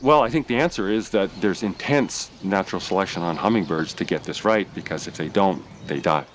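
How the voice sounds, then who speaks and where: A man's voice: deep voice, a little fast, slight background noise. A man, a biologist and teacher, explaining things. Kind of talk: explanatory talk.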